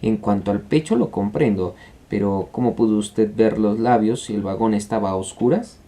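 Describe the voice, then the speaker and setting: A man reading as a calm skeptical officer. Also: fairly low pitch, moderate pace, close to an everyday voice. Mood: dry. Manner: calm, dry.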